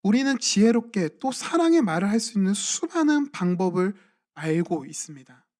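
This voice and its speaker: A man's voice: high-pitched, sing-song, moderate pace, darkish tone. A young man, a junior pastor, preaching a sermon in a church and asking his congregation questions in a conversational way. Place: church sanctuary at a midweek evening service.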